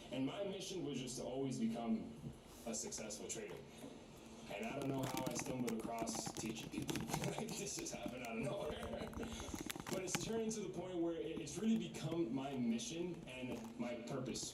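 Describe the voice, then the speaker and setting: A man in his twenties, a trading mentor, talking casually and enthusiastically to a live group in a large room. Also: medium pitch. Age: 20s. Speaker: trading mentor hosting event. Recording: roomy, distant mic, noisy room.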